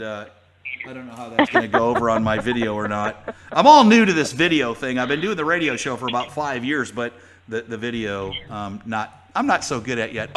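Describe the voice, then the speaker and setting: A man with a mid-range, fairly bright voice hosts his own radio show, chatting with a guest in a folksy, casual talk-radio interview full of fillers and restarts.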